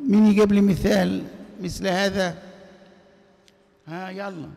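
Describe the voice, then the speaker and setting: A man's voice: sits high, steady tone, measured pace, gravelly, warm tone. A man teaching grammar in an Egyptian accent, quizzing his class and leaving sentences open for students to finish. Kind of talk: classroom lecture. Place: large mosque hall. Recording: reverberant hall.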